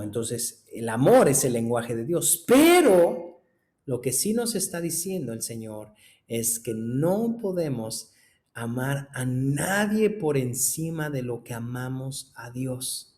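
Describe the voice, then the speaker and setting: A man, a pastor teaching a discipleship class, preaching emphatically and swinging between loud exclamations and soft asides. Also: medium pitch. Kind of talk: sermon.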